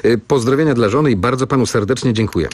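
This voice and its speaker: A man's voice: medium pitch, quick pace, a little mellow, a little hiss or hum. A man hosting a radio show, chatting with his guest and teasing him. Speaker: radio host. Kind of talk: bantering radio interview.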